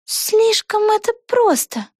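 A woman reading an audiobook, voicing a plucky young witch girl with shrill, indignant outbursts. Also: very animated, takes it slowly, darkish tone, dry recording, clean studio sound, full character voice.

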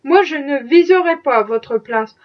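A woman's voice: sits high, lively intonation, moderate pace, highs cut off. A woman voicing a kindly, fretful old male factory owner with flustered, fatherly concern.

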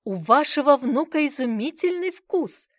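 A woman doing an eager, flattering salesman. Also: mid-range voice, a little slow, no echo, clean studio sound, pitched above the performer's own voice. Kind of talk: audiobook character reading.

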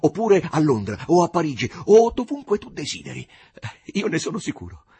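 A man's voice: medium pitch, sing-song, slightly rough, dry recording. A man playing a fervent, stubborn young writer. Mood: confident. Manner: fervent, defiant, sometimes halting. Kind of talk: audiobook character reading.

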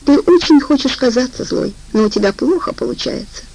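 A woman reading an audiobook, voicing a gentle, timid young woman who pleads softly, almost in a whisper. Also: high voice, expressive, fairly quick, gravelly, voice pushed up, heavily acted, low-quality recording. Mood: soft, pleading.

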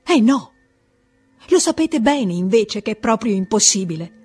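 A woman's voice: mid-range voice, lively intonation, normal speed, darkish tone, slightly rough, no room sound, faint music behind. A woman reading aloud, voicing a torn young married woman who pleads in a rising, urgent voice. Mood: pleading.

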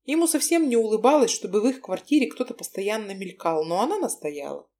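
A woman narrating an audiobook in an expressive, lively reading. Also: mid-range voice, fairly quick. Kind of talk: scripted narration.

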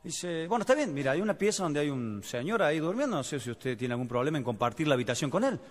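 Very animated and rapid, this slightly high-voiced man does stand-up with an Argentine Spanish accent, playing each character in a comic voice and cracking up at his own jokes. The audience can be heard in the background throughout.

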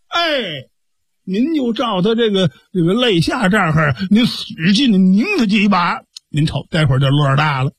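A man doing gossipy old village neighbors with a Beijing accent, coaxing and full of colloquial chatter. The voice rides high and swings widely in pitch, with a slightly husky edge. It sounds close and dry, with no room around it. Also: no echo, exaggerated voice. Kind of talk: storytelling radio performance.

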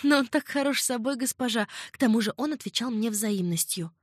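A woman's voice: a little high, lively intonation, a little fast, no echo, clean studio sound, pitched above the performer's own voice. A woman reading an audiobook, voicing a timid young maidservant who speaks lightly and cautiously.

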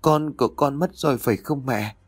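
A man's voice: low-pitched, animated, normal speed, dry recording, studio quality. A man voicing a dying young woman in a horror audiobook, speaking faintly and weakly. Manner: faint, whispery.

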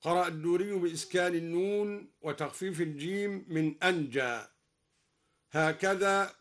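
Higher-pitched man explaining and chanting recitation. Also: a bit bright. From Egypt. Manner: alternates plain explanation with slow melodic recitation. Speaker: Quran recitation teacher. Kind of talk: explaining Quran reading variants with slow chanted recitation. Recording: broadcast radio recording.

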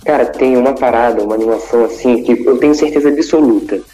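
A man's voice: mid-range voice, fast, warm tone, soft background music, poor audio. A Brazilian man on a podcast, giving blunt, dismissive opinions in casual chat. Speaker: podcast co-host.

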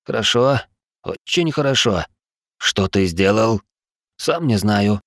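A man's voice: medium pitch, very animated, normal speed, no room sound, pitched above the performer's own voice. A man voicing tense, sarcastic male companions in an audiobook, lifting his voice above his narration. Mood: dazed.

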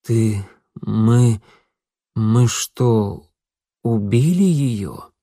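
A man's voice: lowish voice, drawn-out words, mellow, no room sound, studio quality, heavily acted. A man voicing a bewildered man in a stranger's body, asking hesitant, confused questions. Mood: shaken.

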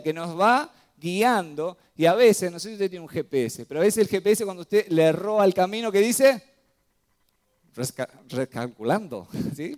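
Rioplatense male pastor, smooth resonant voice, slightly high, sermon to a congregation. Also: darkish tone. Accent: Rioplatense Spanish. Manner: asks the congregation frequent rhetorical questions, checks with "¿sí?". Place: church.

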